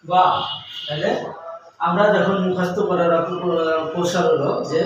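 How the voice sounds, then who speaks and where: A man with a Bangladeshi accent, teaching a language lesson and saying each syllable slowly, one at a time. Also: sits high, steady tone, highs cut off. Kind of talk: slow classroom lesson. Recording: echoey room, mic far off, faint noise.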